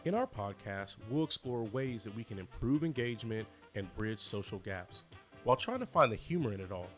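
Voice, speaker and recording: A man co-hosting a podcast, talking in a relaxed, conversational way. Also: fairly low pitch, fairly quick, faint music behind. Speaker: podcast co-host.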